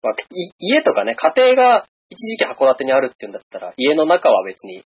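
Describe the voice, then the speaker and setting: A man's voice: on the high side, huge pitch swings, quick pace, slightly rough, no echo, dull audio. A man from Hokkaido, a podcast host, chatting easily and laughing often. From Hokkaido, Japan. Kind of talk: casual chat.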